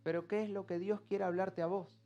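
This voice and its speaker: A man with an Argentine Spanish accent preaching an expressive live church sermon. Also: high-pitched, fairly quick, highs cut off. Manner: expressive, acts out everyday voices. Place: church service.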